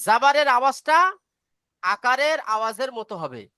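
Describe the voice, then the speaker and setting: A woman's voice: high voice, lively intonation, moderate pace, sharp tone, clear, resonant tone, no echo, clean studio sound. A woman teaching a beginner reading class online, patiently explaining step by step and asking if students follow.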